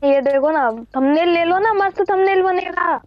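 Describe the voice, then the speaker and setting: Whiny high young gamer, dull line. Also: male voice, moderate pace. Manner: whiny, pleading, joking. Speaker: co-player.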